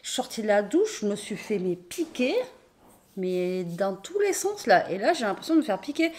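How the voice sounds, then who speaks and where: A woman, talking with a raspy, hoarse voice as she vlogs. She sounds worn out and rambles loosely, filling pauses with hesitations and turning aside to talk to her pet. Her voice sits at a middling pitch. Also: sing-song, darkish tone. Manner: rambling, many fillers, talks to her pet. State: tired, worn out. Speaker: vlogger. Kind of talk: casual vlog chat.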